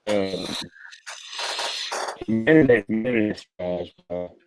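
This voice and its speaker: A man's voice: fairly low pitch, takes it slowly, a little mellow, a little hiss or hum. A man chatting casually in a loose, rambling way over choppy, breaking-up internet call audio. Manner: loose, rambling, drawls filler phrases. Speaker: streamer on a call. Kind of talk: casual chat.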